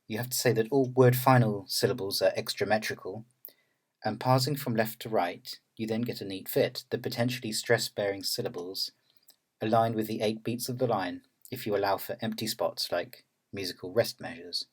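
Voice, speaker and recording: A man narrating an academic lecture in a measured, explanatory way. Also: on the low side, breathy edge.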